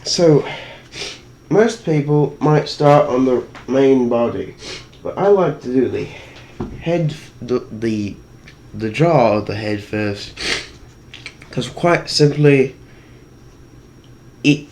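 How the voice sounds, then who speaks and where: Slow and expressive, with long pauses, this man's medium-pitched, darkish voice comes through muffled by a costume helmet over slight background noise. He's a cosplay maker doing a tutorial vlog, rambling through his build in a fake British accent and joking at his own expense.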